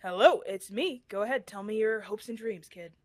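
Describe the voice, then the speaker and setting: A woman's voice: medium pitch, normal speed, dry recording, clean studio sound, natural voice. A woman voicing a young man's father on a recorded voicemail greeting, delivered in a casual, breezy way.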